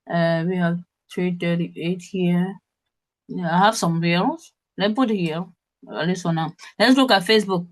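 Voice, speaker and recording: A woman instructor running an interactive workshop, spelling out web addresses and often checking in with her audience. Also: fairly low pitch.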